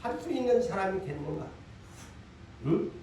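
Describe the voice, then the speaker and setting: A man with a Gyeongsang accent preaching a Sunday sermon, forceful, repeating lines and throwing rhetorical questions at his congregation. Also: high-pitched, animated, normal speed, slight background noise. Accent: Gyeongsang Korean. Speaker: pastor. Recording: echoey hall, voice from far off.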